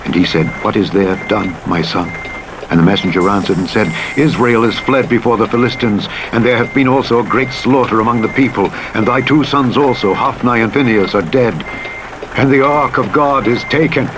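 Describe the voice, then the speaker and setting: A man reads from the Bible as a solemn, steady storyteller, voicing the characters' lines dramatically. The playback is overlaid with rumbling truck and rain noise, with vehicle rumble and truck-simulator sounds in the background.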